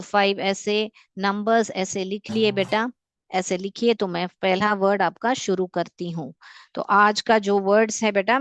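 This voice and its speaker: A woman teaching a school class in Hindi and Indian-accented English. She speaks slowly and patiently, breaking words into syllables and repeating them for dictation. The recording is dry and close. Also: medium pitch, no room sound. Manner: mixes Hindi and English, calls students "beta".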